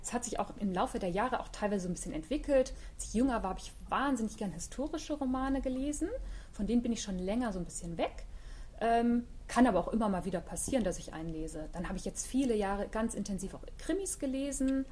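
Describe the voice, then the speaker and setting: A woman's voice: a little high, lively intonation, fast, mellow, a little hiss or hum. A middle-aged woman author chatting reflectively in an interview, with frequent fillers. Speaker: author guest. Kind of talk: casual interview talk.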